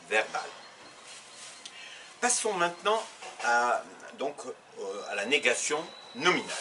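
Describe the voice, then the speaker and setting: Lively man teaching, a bit far off. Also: medium pitch. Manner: asks rhetorical questions and answers them, repeats examples. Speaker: Arabic teacher. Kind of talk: classroom lesson explaining grammar. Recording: slightly distant mic, faint background noise.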